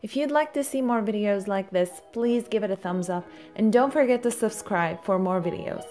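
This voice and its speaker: A woman teaches a language in a scripted instructional narration. Her voice sits at an average pitch for a woman, and she is deliberate, repeating words for learners. Music plays faintly behind her. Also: a little mellow. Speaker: language teacher, lesson presenter.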